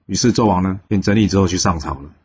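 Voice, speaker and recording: A man hosting a storytelling channel, narrating a classical tale in a lively way and lightly voicing the characters in quotes. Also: low voice, quick pace. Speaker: storyteller host. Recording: slightly dull recording with faint noise.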